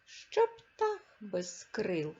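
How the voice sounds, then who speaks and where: A woman teacher giving a reading lesson to young children, speaking clearly and with emphasis and stressing each word. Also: medium pitch, wildly swooping pitch, very slow, dark tone, lo-fi sound. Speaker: primary school teacher.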